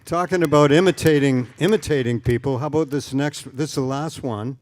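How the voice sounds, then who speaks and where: A man's voice: mid-range voice, brisk, a little mellow, dry recording. Upbeat guy hosting a chat, nudging his guest for stories. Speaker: host. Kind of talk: casual interview.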